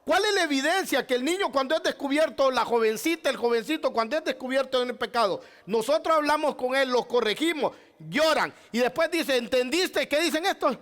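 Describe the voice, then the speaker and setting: A man's voice: very high voice, expressive, brisk, hardly any pauses, fairly bright tone. A male pastor preaching a sermon, asking rhetorical questions and addressing the congregation as beloved brother.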